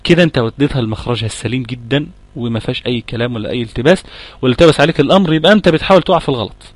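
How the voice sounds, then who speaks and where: In a dry recording, a middle-aged Quran recitation teacher speaks rapid-fire in a medium-pitched voice with an Egyptian accent. During this tajweed lesson he patiently explains, models the sounds, and makes sure his students keep up.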